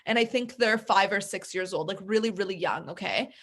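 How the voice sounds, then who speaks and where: A woman in casual conversation, an animated storyteller who acts out the voices in her tale. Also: medium pitch, fairly quick. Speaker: podcast guest.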